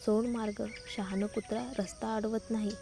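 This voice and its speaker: A woman doing a sharp-tongued young woman. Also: mid-range voice, level tone, moderate pace, lightly acted. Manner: blunt and cutting.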